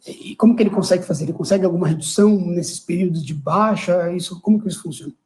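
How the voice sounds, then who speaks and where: A man hosts a webinar, reading out audience questions and summing up. His voice is high but mellow and dark in tone, and he rambles with repeated words. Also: fast talker, low-quality recording. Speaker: webinar host. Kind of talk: moderating a webinar.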